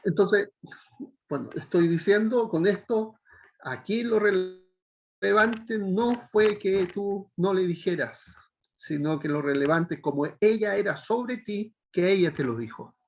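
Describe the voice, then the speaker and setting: A middle-aged man teaching a pastoral counseling class, gently coaxing a student and checking in often. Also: high voice, animated, slow pace, lo-fi sound.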